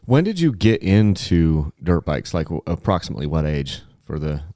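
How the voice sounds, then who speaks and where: A man's voice: a bass voice, very animated, moderate pace, dark tone, no room sound, clean studio sound. A man in his forties hosting a podcast, chatting casually and rambling with lots of fillers and restarts. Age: 40s. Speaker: podcast host.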